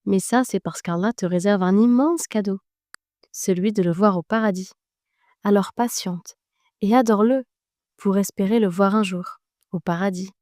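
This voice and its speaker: A woman narrating a guided meditation in a slow, gentle and soothing way, speaking directly to the listener. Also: mid-range voice, no echo, studio quality.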